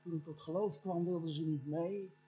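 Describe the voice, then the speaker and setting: A man's voice: a little high, normal speed, breathy edge. A middle-aged man preaching a storytelling sermon, speaking straight to the congregation and acting out sounds and voices from his story. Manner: animated, addresses the congregation directly. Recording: dull lo-fi church recording.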